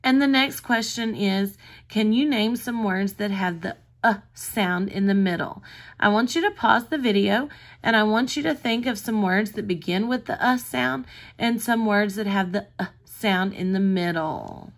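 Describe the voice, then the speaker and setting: Slow-paced woman teaching reading to small children. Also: medium pitch. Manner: careful enunciation, sounding out words. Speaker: kindergarten teacher. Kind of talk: recorded reading lesson for young children.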